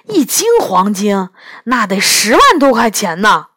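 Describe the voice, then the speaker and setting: Storybook kid: woman doing a loud, indignant boy, dry close sound. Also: medium pitch, very animated, measured pace, slightly rough, dry recording, full character voice. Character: outspoken young boy, quick to protest.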